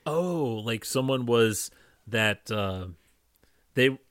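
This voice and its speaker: Brief: relaxed male co-host, mid pitch, dry sound, quick reactions. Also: no room sound. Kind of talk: casual chat.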